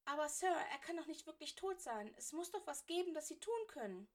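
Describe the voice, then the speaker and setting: A woman's voice: big pitch swings, fairly quick. Granger, voiced by a woman reader: tearful, pleading schoolgirl. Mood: tearful explaining. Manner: high, pleading, stammering. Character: tearful anxious schoolgirl, a young girl, persistent. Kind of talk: fan fiction audiobook reading.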